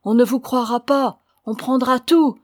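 A breathless village woman pleading in a rush, pitched higher and louder, as a woman narrator puts her on. Her warnings come out urgent and strained. The sound is dry and close. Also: normal speed, no echo, lightly acted. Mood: panicked.

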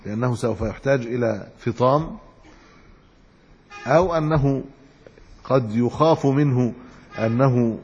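A man gives a hadith lesson as a sheikh, reading narrator chains before explaining them in plain language with a few restarts. His voice is mid-range, darkish and slightly rough. The recording is lo-fi and dull, with a long hall reverb.

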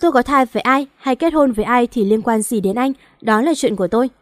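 A woman's voice: fairly high pitch, quick pace, dry recording, clean studio sound, lightly acted. A woman doing a defiant young pregnant wife. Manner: defiant, tearful.

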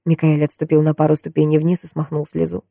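A woman reading a novel aloud in steady scripted narration. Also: low-pitched, quick pace, vocal fry, dry recording, clean studio sound. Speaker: audiobook narrator.

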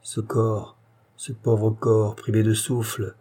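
Male narrator with a husky, dark voice for an intense, anguished first-person tale. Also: on the low side, level tone, slow. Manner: intense, swells to anguished outbursts. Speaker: audiobook reader. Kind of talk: dramatic story reading.

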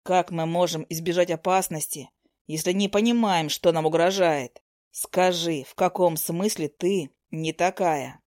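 A woman voicing an earnest young male healer who speaks slowly, softly and firmly, in a storybook reading. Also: on the low side, no room sound, studio quality, pitched below the performer's own voice, lightly acted. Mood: earnest, questioning. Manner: slow, soft, persuasive.

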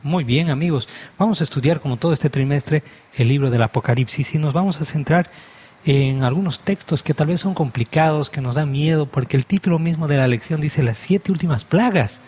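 A man's voice: on the high side, a little fast, darkish tone, husky. A man who is a pastor hosts a religious TV talk show, welcoming his guests in the manner of a presenter. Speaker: host, pastor.

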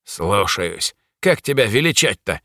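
A man voicing a hoarse, sneering male demon spirit in an audiobook, growling and mocking. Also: on the low side, big pitch swings, a little slow, pushed and bright, no room sound, clean studio sound, full character voice. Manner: mocking, sly.

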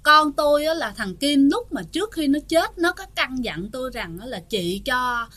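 Brief: aggrieved, wounded old mother-in-law in a spoken ghost tale, read by a woman, a little high, reproachful questions. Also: very animated, moderate pace, fairly bright tone, no room sound, heavily acted. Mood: indignant.

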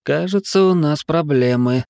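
A man's voice: on the high side, lively intonation, brisk, no echo, clean studio sound, voice pushed up, natural voice. A man reading an audiobook, voicing a nervous young male companion who speaks anxiously.

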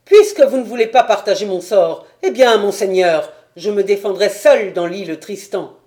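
A woman's voice: medium pitch, normal speed, mellow, natural voice. A woman voicing a proud, defiant male rebel captain in a storybook reading, bold and haughty. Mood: scornful.

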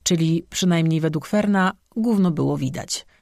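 Audiobook narrator with a wry, sarcastic delivery, dry close recording, mid pitch. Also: normal speed, creaky, a little mellow, no echo.

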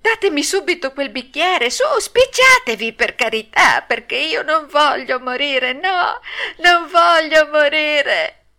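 A woman reading an audiobook and voicing a stubborn, whiny wooden puppet boy in a shrill, pleading tone. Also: animated, takes it slowly, pushed and bright, heavily acted. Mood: panicked. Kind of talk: audiobook read-aloud.

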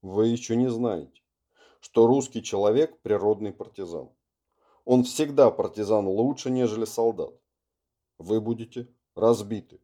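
A man's voice: lowish voice, unhurried, warm tone, close to an everyday voice. A man voicing a brooding, bitter Russian colonel who speaks heavily and emphatically. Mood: grave. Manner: heavy, emphatic.

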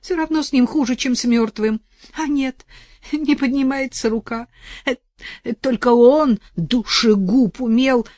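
A woman's voice: medium pitch, big pitch swings, slow pace, dry recording, voice pushed up. A woman voicing a tearful old village wife. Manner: tearful, pleading, shouting at times.

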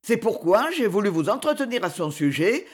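A woman's voice: mid-range voice, big pitch swings, normal speed. A woman reading an icy, haughty aristocrat. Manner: clipped, icy and contemptuous. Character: cold, haughty older aristocratic father. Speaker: character in an audiobook novel.

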